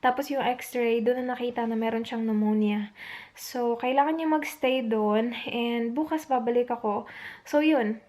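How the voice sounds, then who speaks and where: Young woman, high voice, casual home vlog, upset and teary, chatty retelling. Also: steady tone, measured pace, darkish tone. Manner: chatty, mixes English into Tagalog, retells quotes. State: upset, on the verge of tears. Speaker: vlogger. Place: at home, alone at night.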